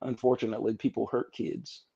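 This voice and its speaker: A man's voice: mid-range voice, level tone, a little fast, creaky, mellow, husky, muffled recording. A man in his fifties, an educator and assistant pastor, telling stories in a casual interview with many restarts and fillers.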